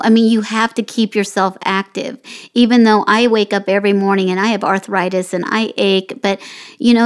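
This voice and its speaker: A woman hosting a podcast in casual conversation, rambling and encouraging, often saying "you know". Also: medium pitch. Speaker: podcast host.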